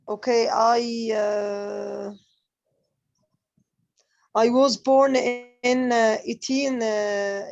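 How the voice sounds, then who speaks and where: Hesitant woman, gravelly voice. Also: fairly high pitch, a little mellow, dry recording. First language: Arabic. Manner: hesitant, many fillers, switches into Arabic. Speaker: teacher in training. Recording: dull lo-fi call audio.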